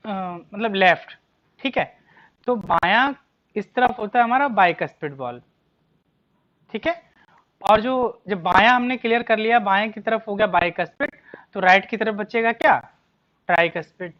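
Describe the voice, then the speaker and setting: A biology teacher giving an exam-prep lecture, asking rhetorical questions and answering them, repeating key terms and reading questions out slowly. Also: medium pitch, expressive, muffled recording. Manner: reads English questions slowly, explains in Hindi.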